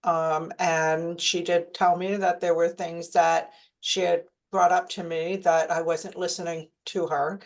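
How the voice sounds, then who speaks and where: A woman's voice: fairly low pitch, flat delivery, unhurried, hardly any pauses. A woman taking part in a workshop, candidly describing a practice exercise and asking the trainer direct questions. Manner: candid, asks direct questions, talks with filler. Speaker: workshop participant. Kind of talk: discussion in a training session.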